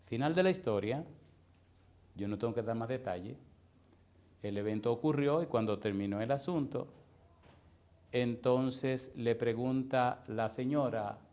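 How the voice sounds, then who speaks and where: A middle-aged male pastor preaching a sermon and telling a story, firing off rhetorical questions and building to loud emphasis. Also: mid-range voice, unhurried, long pauses.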